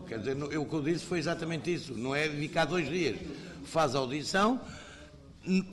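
Hesitant Portuguese member of parliament. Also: male voice, medium pitch, a bit bright. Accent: European Portuguese. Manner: hesitant, with fillers and restarts, argumentative. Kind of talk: committee debate. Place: parliamentary committee room.

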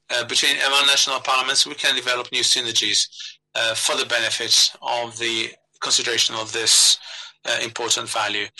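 Interpreter voice-over: a man translating a speech live, bright and crisp, with halting restarts; it should sound like simultaneous interpretation. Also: mid-range voice, poor audio. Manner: halting, with frequent restarts and self-corrections. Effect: simultaneous interpreter voice-over of a speaker. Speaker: conference interpreter. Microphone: online meeting audio.

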